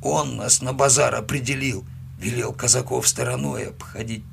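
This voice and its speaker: A man voicing a frightened wounded male bandit who forces out strained, halting pleas. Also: mid-range voice, fairly even intonation, slight background noise. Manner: strained, halting, hoarse pleading. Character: terrified wounded male bandit, pleading and cornered.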